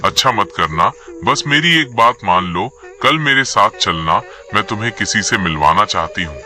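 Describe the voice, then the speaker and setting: A man voicing a worried young wife who speaks gently and pleads. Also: fairly low pitch, animated, normal speed.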